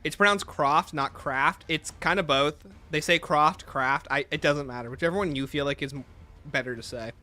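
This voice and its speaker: Male livestream host, somewhat high bright voice, opinionated, talks back to chat, soft music behind. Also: fast talker. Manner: opinionated, reads and answers chat aloud. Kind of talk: casual livestream commentary.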